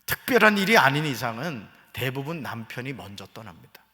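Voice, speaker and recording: In a church sanctuary with reverberant hall sound, a middle-aged pastor preaches at a brisk pace in a medium-pitched voice. He jokes with the congregation, acts out quoted voices with animation, and then turns earnest.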